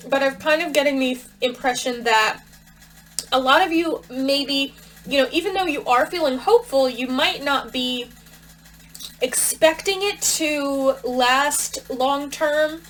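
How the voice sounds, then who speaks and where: A woman's voice: sits high, a little slow, a bit bright, slight background noise, poor audio. A woman giving a casual tarot reading to her viewers, thinking aloud with plenty of fillers while talking around a cough drop. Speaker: tarot reader.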